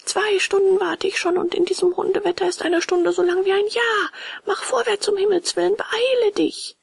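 A woman voicing a naughty young wooden puppet boy in a storybook, with a high, raspy voice. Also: fairly even intonation, moderate pace, dry recording. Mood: desperate.

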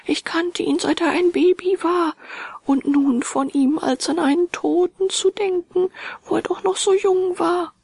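Woman reader voicing an elderly grieving butler, tearful, gravelly, audiobook. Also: very high voice, steady tone, measured pace, darkish tone, no room sound, voice pushed up, heavily acted. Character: old male butler, grieving, sobbing.

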